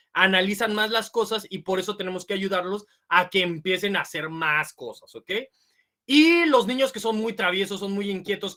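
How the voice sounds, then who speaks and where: A woman delivers a lecture to parents. Her voice is bright and forward. She explains step by step, asks the room short questions, and acts out little quoted voices as examples. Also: medium pitch. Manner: explanatory, checks in with "ok?" and "vale?". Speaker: speaker giving a parenting talk.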